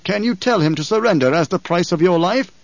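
A man voicing an imperious, threatening emperor in an audiobook, loud, commanding and scornful. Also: high voice, expressive, brisk, gravelly, no room sound, voice pushed up. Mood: commanding, angry. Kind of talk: audiobook character voice. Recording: dull, dry studio recording.

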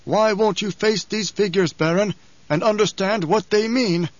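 A man reading aloud voices a shrewd older spymaster who probes with calm questions, his voice mild, precise and lifted. He pitches it high, above his own natural voice, and speaks a little slowly. The recording is dry and a little muffled, with no room sound.

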